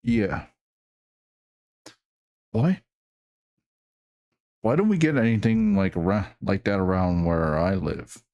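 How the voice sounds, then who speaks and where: A man giving casual reaction commentary in a halting way, often repeating his words and phrases. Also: low-pitched, a little mellow, lo-fi sound.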